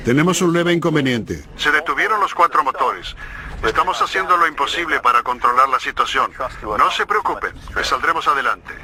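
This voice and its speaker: Composed airline captain making cabin announcement. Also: male voice, fairly high pitch, lively intonation, brisk, bright, forceful tone. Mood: calm, reassuring. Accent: Latin American Spanish. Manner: formal, reassuring cabin announcement. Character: composed male airline captain addressing passengers.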